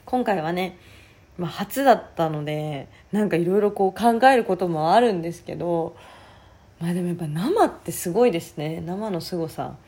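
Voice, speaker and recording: Hoarse, husky-voiced woman chatting. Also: on the low side, animated, moderate pace, mellow. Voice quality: husky, raspy. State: hoarse voice, worn out from the day before. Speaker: podcast host. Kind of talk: casual solo chat.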